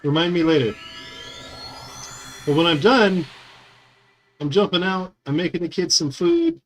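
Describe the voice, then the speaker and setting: Streaming a game from home, a thirtysomething man chats casually with his viewers through a small condenser mic, rambling and filling pauses. His voice is fairly high and sing-song, his pace unhurried, with faint music playing behind him.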